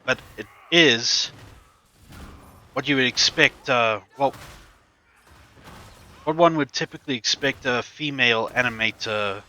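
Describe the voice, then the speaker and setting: Rambling man streamer with a bright voice. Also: mid-range voice. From not from the US. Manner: rambling, halting, many fillers and restarts. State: speaking while eating. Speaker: game streamer. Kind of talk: casual stream chat.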